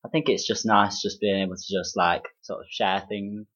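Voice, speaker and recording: A man's voice: fairly low pitch, steady tone, normal speed, a bit bright, slightly rough, highs cut off. A young man with a Derby, East Midlands accent, chatting casually as a guest about his dating life. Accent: East Midlands English, Derby. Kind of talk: casual chat, telling dating stories.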